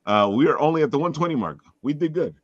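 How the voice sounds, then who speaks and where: Talking at a quick pace in a slightly high voice with lively intonation, a giggly male host rambles through a casual livestream chat plugging crowdfunding projects. His lo-fi call audio comes across as slightly dull.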